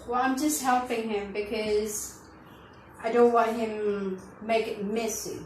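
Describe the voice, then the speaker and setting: A mother filming a casual family vlog at home, gently guiding and prompting her children. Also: fairly high pitch, fairly even intonation, slow pace, slight background noise, poor audio.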